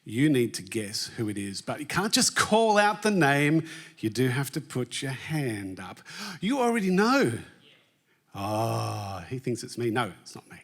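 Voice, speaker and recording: A man's voice: medium pitch, lively intonation, measured pace, fairly bright tone. A man giving a jokey, chatty talk on a conference stage and quizzing the live audience. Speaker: conference presenter.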